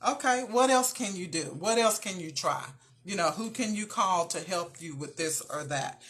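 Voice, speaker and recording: A woman's voice: on the low side, animated, normal speed, a bit bright. A woman hosting a show, giving an earnest, encouraging faith-based talk and speaking straight to her listeners. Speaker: motivational show host.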